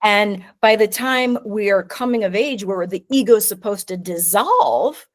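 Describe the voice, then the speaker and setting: A middle-aged woman talking as a podcast guest in casual conversation, animated and quick to act out little voices. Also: medium pitch. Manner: animated, acts out voices in anecdotes, swears casually. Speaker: guest, neurosculpting teacher.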